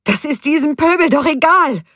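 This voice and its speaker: A woman reading an audiobook, voicing a frantic, pleading woman in distress who shouts in a shrill voice. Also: lively intonation, normal speed, no echo, clean studio sound.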